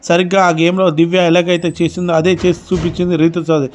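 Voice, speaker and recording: A man with a fairly high voice retells a reality show's latest events. His narration runs in a steady recap style, lightly formal, with occasional small slips as he moves from one incident to the next. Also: fast, a little hiss or hum.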